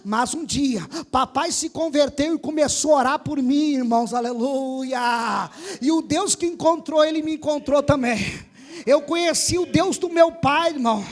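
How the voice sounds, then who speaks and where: A man with a Brazilian Portuguese accent preaches in a church, his voice sitting very high for a man. He delivers his sermon in a sing-song cadence and climbs into shouted peaks. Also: a little slow. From southern Brazil. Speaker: pastor.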